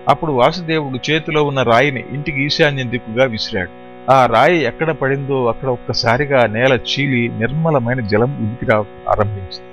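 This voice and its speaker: Guy reading an audiobook, steady and explanatory, kinda dull lo-fi sound, soft music underneath. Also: mid-range voice. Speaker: audiobook narrator. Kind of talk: scripted narration.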